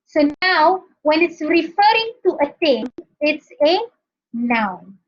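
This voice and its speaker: A Malaysian woman who is not a native English speaker lectures on English grammar at university in this recorded lesson, her Malaysian English accent clear in a high, sing-song voice. She goes slowly and explains step by step, often checking in with the class by asking "okay?". The sound is lo-fi.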